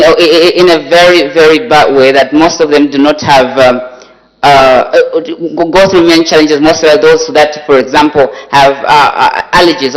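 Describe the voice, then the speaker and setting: A young male student with a Zambian accent gives a formal parliamentary debate speech, halting and often repeating words as he searches for the next phrase. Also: a little high, a bit bright, rough recording. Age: teenager or young adult student. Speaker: youth parliament member debating a motion. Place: debating chamber.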